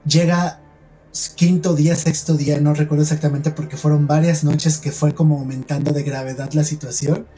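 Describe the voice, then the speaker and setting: Earnest Mexican man with a mellow voice. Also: a little high, little pitch movement, normal speed, breathy edge, faint music behind. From Mexico, San Luis Potosí. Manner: earnest, hushed storytelling with many "o sea" fillers. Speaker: podcast host telling a personal paranormal story. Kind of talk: podcast storytelling conversation.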